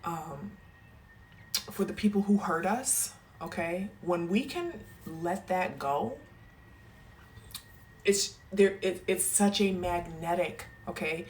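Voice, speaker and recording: A woman wellness coach with a lowish, darkish voice gives an emphatic, emotional motivational talk, close to tears and adding "okay?" after nearly every point. She speaks slowly with frequent pauses, and there's a little hiss or hum.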